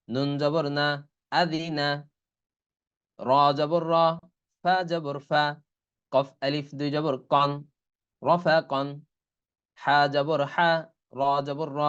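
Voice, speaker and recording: A man's voice: a little high, clean tone, highs cut off. A man teaching an online Quran reading lesson with a Bangladeshi Bengali accent, spelling out Arabic letters and vowel marks syllable by syllable. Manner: slow syllable-by-syllable spelling drill.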